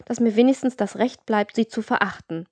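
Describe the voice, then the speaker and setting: Woman reading a desperate honest young girl in a storybook, begging softly, dry close sound. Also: fairly high pitch, a little fast, no echo, close to an everyday voice. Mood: pleading. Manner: pleading. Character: poor virtuous young woman, pleading and proud. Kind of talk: audiobook reading.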